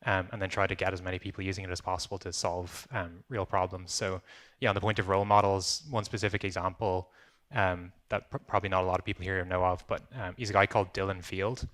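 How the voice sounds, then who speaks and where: A young Irish man speaks on a panel with a very low, flat voice that still carries a bright edge. He talks casually, dotting his sentences with ums. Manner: many "um"s, relaxed conversational. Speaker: company founder on a panel. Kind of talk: panel discussion.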